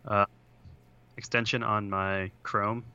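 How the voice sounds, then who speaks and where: A man's voice: lowish voice, level tone, slow pace, sharp tone, smooth, lo-fi sound. A young man on a podcast, talking over a video call that keeps breaking up. He rambles with lots of "like" and "uh". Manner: rambling, full of "like" and "uh". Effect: video call audio that breaks up. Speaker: podcast co-host. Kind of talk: casual chat. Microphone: computer on a video call.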